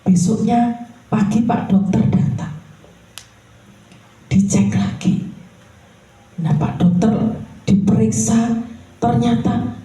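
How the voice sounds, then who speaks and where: A woman preacher tells her story in an animated way, her voice a little high and mellow. She is heard from far off in a very echoey room of a house. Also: slow, long pauses, faint music behind. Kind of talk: sermon at a home worship service.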